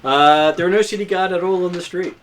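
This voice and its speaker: A man narrating a tabletop game as game master, improvising descriptions in halting pieces. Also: high voice.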